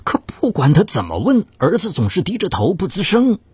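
A man's voice: huge pitch swings, normal speed, darkish tone, husky, dry recording. A man narrating a dramatized true-crime story in a theatrical, suspenseful way. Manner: theatrical, swings of pitch for suspense.

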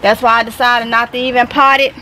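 Woman, Mississippi Southern accent, chatty gardening vlog, bright forceful voice, fairly high, faint outdoor hum. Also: flat delivery, fairly quick, rough recording. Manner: chatty, repeats herself, talks to viewers as y'all. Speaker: gardening vlogger. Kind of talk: casual talk to camera while gardening. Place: small greenhouse tent, outdoors.

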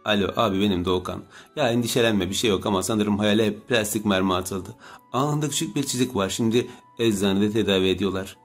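A man's voice: fairly low pitch, brisk, soft background music, natural voice. A man voicing a blunt, protective young man in an audiobook, talking urgently. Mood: worried. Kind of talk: audiobook character reading.

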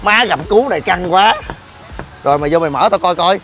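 A man's voice: high-pitched, fairly quick, fairly bright tone, faint music behind. A man vlogging next to his car, talking in a casual, exasperated and joking way, full of slang. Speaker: vlogger and gym owner. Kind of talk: casual complaining vlog. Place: outdoors by a car at a gym.

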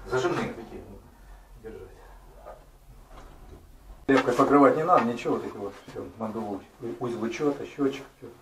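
A man's voice: mid-range voice, normal speed, pauses often, a bit bright. A man on a plumbing crew giving short, practical instructions in casual work chat. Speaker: plumbing worker. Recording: echoey room, from far off, faint noise.

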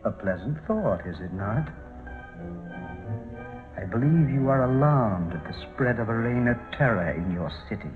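An actor playing a sinister criminal mastermind as the voice of death in a 1940s serial, menacing and theatrical, with a grim reaper manner. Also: male voice, mid-range voice, lively intonation, a little slow, lightly acted. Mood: grim menace. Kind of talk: 1940s film serial villain acting. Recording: muffled old film soundtrack with loud music.

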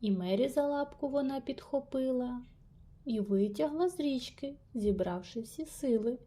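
A woman reading a rhyming children's story aloud with lively, playful emphasis. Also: high-pitched, normal speed. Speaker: reader.

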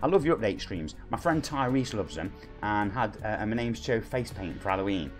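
A man's voice: on the low side, lively intonation, brisk, faint music behind. A man in his forties with a Nottingham accent, chatting casually on a live stream and reading viewer comments aloud in a cheeky way. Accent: Nottingham English. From England. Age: 40s.

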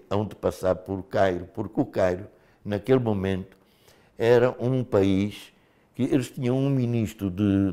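An older former liberation fighter from Mozambique speaks in a low voice as he tells his story in a studio interview. He delivers it with animation and frequent casual fillers.

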